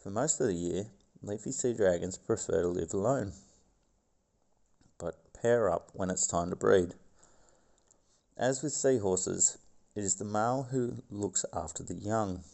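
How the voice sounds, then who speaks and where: A man reading nature documentary narration in a gravelly voice, now and then stumbling over a word. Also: on the low side, measured pace, pauses often, mellow. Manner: stumbles over words and scientific names. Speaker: video host.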